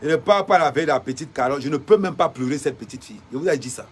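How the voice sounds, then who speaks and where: A woman's voice: low voice, racing, slightly rough. A woman from Cameroon, delivering a defiant, fiery political rant to viewers, repeating rhetorical questions.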